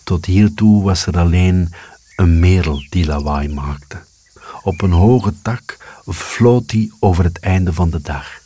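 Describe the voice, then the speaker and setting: A man reading a children's story aloud as scripted narration, calm and even. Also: low voice, takes it slowly, slight background noise.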